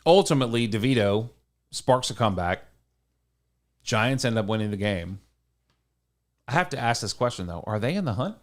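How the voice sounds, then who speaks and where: A man's voice: medium pitch, expressive, moderate pace, long pauses. A man co-hosting a casual sports podcast, talking at length and teasing his co-host. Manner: talkative, rambling, teasing.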